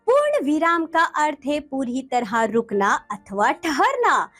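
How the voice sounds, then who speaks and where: A woman's voice: high voice, sing-song, slow, fairly bright tone, faint music behind. A woman teacher explaining a textbook lesson to children, addressing them directly and reading examples aloud with emphasis.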